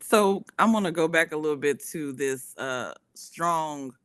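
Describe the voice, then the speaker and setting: A man hosts a panel and poses probing scenario questions. His voice is bright and forceful, a little high, and recorded dry and close. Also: measured pace, clean tone, no room sound. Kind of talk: interview questions.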